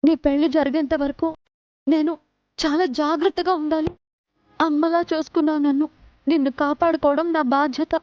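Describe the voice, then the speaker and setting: Young woman acting as worried younger sister, very high voice, earnest, dry sound. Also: flat delivery, brisk, no echo, dull audio, close to an everyday voice. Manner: earnest, pleading. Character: anxious young woman guarding her sister's wedding. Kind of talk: TV serial acting.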